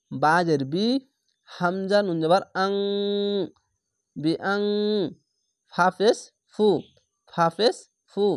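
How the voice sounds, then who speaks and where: A man's voice: a little high, no room sound, clean studio sound. A man teaching Quran reading, spelling each syllable aloud and then reading the word whole, repeating it patiently. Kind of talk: spelling-out recitation lesson.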